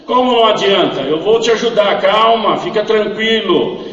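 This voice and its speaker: A man with a Brazilian Portuguese accent gives an emotional testimony in a church hall, acting out the dialogue as he tells his story and growing louder and more impassioned. His high voice, at normal speed, sounds distant and echoey, with the highs cut off.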